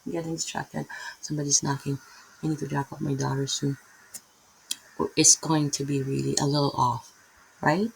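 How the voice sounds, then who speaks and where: Her voice sits low and creaky, flat in delivery at a normal speed, with long pauses, over a rough recording with a little hiss or hum. A middle-aged Filipino-accented Bible teacher, she rambles through an unscripted lesson, stops herself mid-thought and keeps tagging on "right?".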